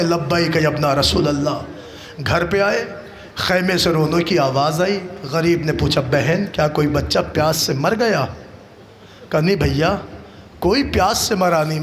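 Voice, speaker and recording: A man leads a mourning sermon in a high, gravelly voice, wailing his lines between shouting and chant. The sound rings around a large, echoing hall, and a gathered crowd can be heard faintly behind him. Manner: wailing, sung-shouted recitation. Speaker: majlis orator.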